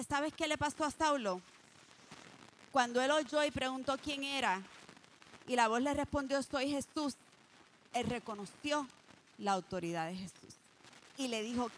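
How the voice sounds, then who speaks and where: High-voiced woman preaching earnestly. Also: a bit bright, slight background noise, low-quality recording. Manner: earnest, addresses listener directly; reads scripture aloud, slowing for emphasis. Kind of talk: sermon.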